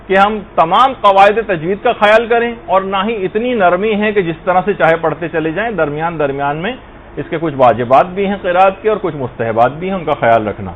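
A man with a notably high voice delivers a religious lesson, explaining patiently with examples. The audio is slightly muffled, with a faint hum of background noise beneath his speech. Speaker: religious teacher.

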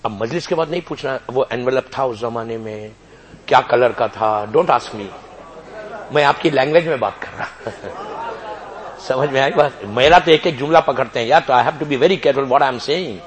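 A male preacher telling a sacred story to a gathering, theatrical, moving between hushed and shouted passages and slipping in English phrases. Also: medium pitch, some chatter behind. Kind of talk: dramatic religious sermon storytelling. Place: religious gathering before an audience.

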